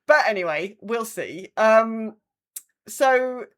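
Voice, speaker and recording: An English woman co-hosts a podcast, chatting casually and reading listener updates. Her voice sits on the high side and is expressive, and she takes it slowly, sounding hesitant and wry as she often corrects herself.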